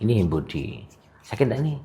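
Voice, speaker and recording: A male sports massage therapist talks a patient through treatment in an indoor clinic. His voice swings up and down in a lively way as he teases, coaxes and laughs. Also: on the low side, moderate pace, heavy background noise. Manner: teasing, coaxing, laughs often. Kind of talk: casual treatment-session chat.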